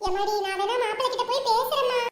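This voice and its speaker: A woman doing a fretful, doting mother who keeps coaxing her upset daughter with pet names. The voice is very high and quick. It echoes in a room with a long reverb. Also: noisy background. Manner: coaxing, repeats "emmadi". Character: anxious doting mother fussing over her crying daughter.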